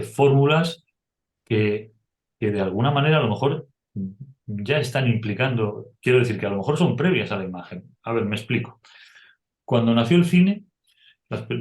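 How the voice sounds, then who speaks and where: In an echoey room, a middle-aged man with a medium-pitched voice gives an explanatory music lecture, going step by step and humming short melodies as examples.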